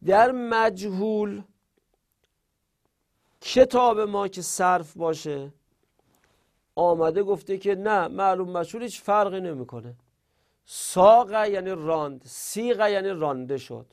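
Middle-aged guy teaching grammar, fairly high voice with a gravelly edge, chants verb lists patiently. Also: pauses often. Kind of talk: spoken lesson.

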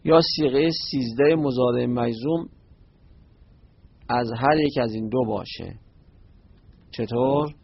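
Gravelly-voiced man teaching grammar. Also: medium pitch, dry recording. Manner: recites verb forms in slow drawn-out chants. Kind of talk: classroom lesson. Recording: muffled lo-fi recording.

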